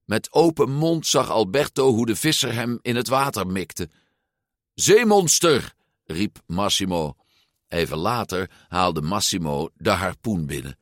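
A man reading a children's storybook aloud in a measured, expressive way. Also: lowish voice, no echo, clean studio sound. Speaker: narrator.

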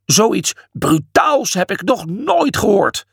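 Male reader voicing a pompous old priest for a storybook, slow and indignant, gravelly. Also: high voice, animated, a bit bright, no room sound, clean studio sound, pitched above the performer's own voice, heavily acted.

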